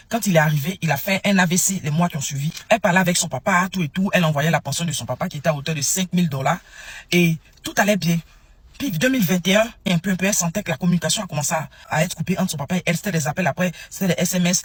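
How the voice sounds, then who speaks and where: Rapid, husky man telling a testimony. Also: sits high, fairly bright tone, no echo. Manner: dramatic, acts out quoted voices, addresses listeners directly. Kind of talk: retelling a religious testimony.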